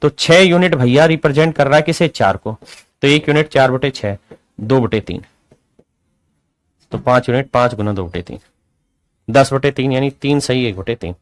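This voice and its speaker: A man's voice: medium pitch, moderate pace, long pauses. A man teaching a math lesson to a class in a folksy, coaxing way, often checking that students follow and calling them his dear children. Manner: asks frequent check questions.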